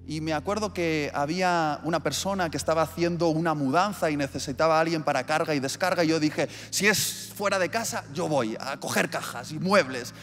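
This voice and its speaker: Preacher in a reverberant hall. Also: male voice, a little high, brisk, hardly any pauses. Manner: vivid storytelling with acted-out scenes. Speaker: pastor. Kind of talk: sermon. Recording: long hall reverb with soft music.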